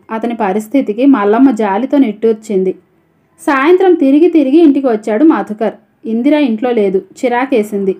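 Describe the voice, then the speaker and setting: Woman reading a story aloud, steady. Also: a little high. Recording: dull lo-fi audio.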